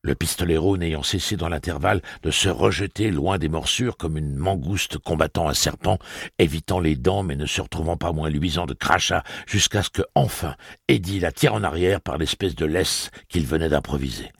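A man narrating an audiobook with an expressive, dramatic reading. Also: low-pitched, moderate pace, gravelly, slightly rough, dry recording, studio quality. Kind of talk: scripted narration.

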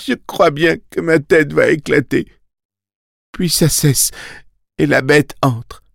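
A man voicing a frightened young boy who haltingly recalls a horror while in a trance, in an audiobook. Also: a little high, gravelly, a bit bright, no room sound, clean studio sound, pitched above the performer's own voice, full character voice. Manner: halting, fearful, speaking in the present tense. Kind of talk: audiobook character voice.

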